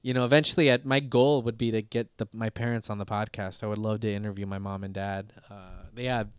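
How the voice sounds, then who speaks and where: A man's voice: lowish voice, flat delivery, quick pace, clear, resonant tone, dry recording, clean studio sound. A man in his thirties hosting a podcast, talking casually in a rambling way with lots of fillers, restarts and swearing. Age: 30s. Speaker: podcast host.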